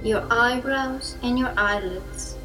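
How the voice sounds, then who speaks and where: A woman leads a hypnosis induction, speaking slowly and softly in a soothing, even manner. Her voice sits fairly high. New-age music plays clearly beneath her words. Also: rough recording. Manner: soft, slow, soothing instructions. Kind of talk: slow guided hypnosis induction. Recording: music bed behind the voice.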